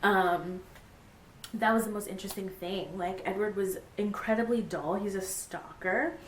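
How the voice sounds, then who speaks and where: Young woman, book vlogger, casual chatty review, filler-heavy, echoey room, faint rumble. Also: unhurried. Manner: gushing, animated, many fillers.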